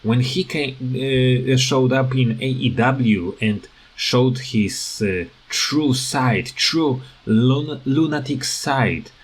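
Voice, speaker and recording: Here a man offers video commentary, airing his views in a loose, off-the-cuff rant. His pace is slow and broken, with words repeated as he searches for what to say next. His voice has a breathy edge and an ordinary mid-range male pitch.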